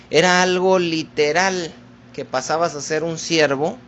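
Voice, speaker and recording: A man preaching a sermon, addressing his listeners as brothers in a slow, deliberate teaching manner. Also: on the high side, slight background noise.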